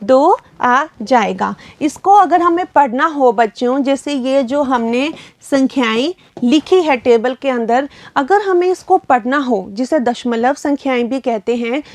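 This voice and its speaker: A woman's voice: sits high, a little mellow, dry recording. A woman teacher with a Rajasthani Hindi accent, giving a patient primary school math lesson and speaking to children often. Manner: patient, addresses children repeatedly.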